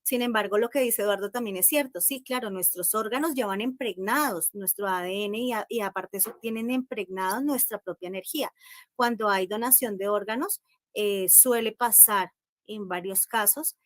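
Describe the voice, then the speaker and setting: A Colombian woman speaking as a guest in a live-stream discussion, reflective and measured, with many pauses over a video call. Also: mid-range voice, no room sound, studio quality. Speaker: panel guest.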